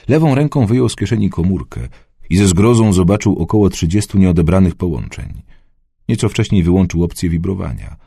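A man narrating an audiobook in a measured, even reading voice on a close mic. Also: low voice, slightly rough, no room sound. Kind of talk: scripted narration.

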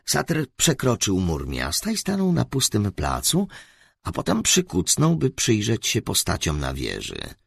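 A male narrator reads a fantasy story close to a studio mic. His voice is bright and dry, paced slowly, with a highly animated melody. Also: creaky, breathy edge, no room sound. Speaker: audiobook narrator. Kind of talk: scripted narration.

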